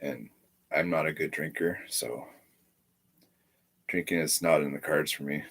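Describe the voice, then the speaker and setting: A man's voice: very deep voice, a little slow, gravelly, a bit bright, husky. A man with a stuffy nose chatting casually on a live stream, rambling and repeating his words.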